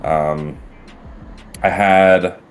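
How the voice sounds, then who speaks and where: Guest, male, from Arizona, very deep voice, laid-back, faint background noise. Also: steady tone, drawn-out words. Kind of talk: casual chat.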